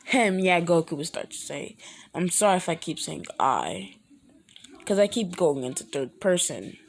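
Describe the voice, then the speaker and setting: Woman, low voice, rambling improvised fan story, hesitant, self-correcting. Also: lively intonation, normal speed, vocal fry, slight background noise.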